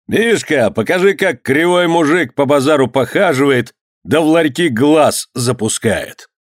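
A man's voice: on the high side, expressive, no echo, studio quality, pitched above the performer's own voice. A man voicing a bold, hot-tempered merchant lord who mocks and then erupts in anger. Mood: mocking. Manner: mocking, brash, quick to explode.

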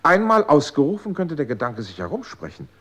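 A man's voice: on the high side, huge pitch swings, fairly quick, a bit bright, exaggerated voice. An anxious, pleading man. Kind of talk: 1960s radio drama.

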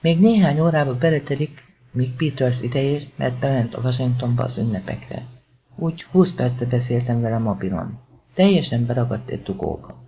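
A man's voice: medium pitch, dark tone, natural voice. An audiobook reader voicing an apologetic, sheepish male police sergeant. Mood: uneasy. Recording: dull lo-fi recording.

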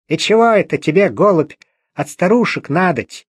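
A man voicing a gaunt, hostile old churchgoing woman with a creaky, grating voice and rustic old-fashioned speech. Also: high voice, animated, normal speed, dry recording, studio quality, voice pushed up. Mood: suspicious.

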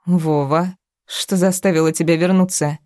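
A bitter, tearful wife from an audiobook pleads and spits venom, as a woman reader plays her. Her voice is low and mellow. The sound is dry and close. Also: fairly even intonation, moderate pace, no echo, natural voice. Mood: spiteful pleading. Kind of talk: audiobook character reading.

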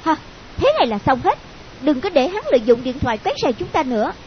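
A man's voice: very high-pitched, very animated, fast, pitched above the performer's own voice. A man voicing a blunt, bossy young woman friend, scolding and coaxing by turns. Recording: dull lo-fi audio with hiss.

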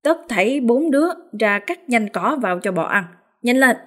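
A woman voicing a stern, sharp-tongued village mother who scolds and gives orders. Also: a little high, expressive, normal speed, voice pushed up, natural voice. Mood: scolding. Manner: scolding, commanding.

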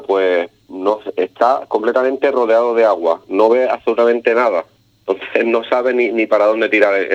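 Brief: man, Andalusian Spanish accent, mid-pitched, halting storyteller, heard over a muffled phone line. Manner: hesitant, many fillers and restarts. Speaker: radio guest telling stories. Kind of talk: casual storytelling on radio.

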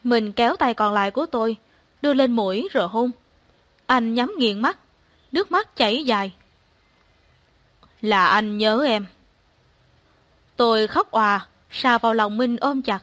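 A young woman narrating a first-person story in a calm, even voice. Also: fairly high pitch, normal speed, no room sound.

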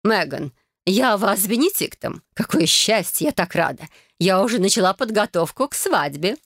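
In a dry, studio-quality recording, a woman with a medium-pitched, expressive voice speaks at a moderate pace as a character in an audiobook. She plays a gushing, bossy mother planning a wedding, who chatters on effusively and steamrolls everyone by talking over them.

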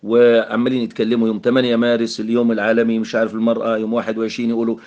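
A man with an Egyptian accent teaching English grammar in Arabic, mixing in English terms and filling pauses with "aah". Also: medium pitch, monotone, a little mellow, highs cut off. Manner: explanatory, mixes English terms, frequent fillers.

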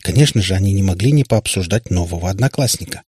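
A man narrates an audiobook in a calm, even way. His voice is low with a husky grain. The recording is dry and close, with no room sound. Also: quick pace, no room sound. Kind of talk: scripted narration.

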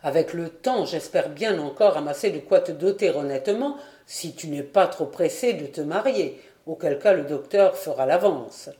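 A woman's voice: deep voice, expressive, dark tone, reverberant. A woman voicing a breezy, proud middle-aged painter father in a storybook reading. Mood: consoling. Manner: light, brisk, then cold and clipped.

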